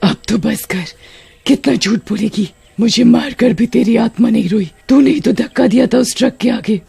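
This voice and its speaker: Quiet, menacing ghost witch, vengeful yet protective, as a woman puts her on. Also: unhurried, slightly rough. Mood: accusing. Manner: low, quiet, threatening.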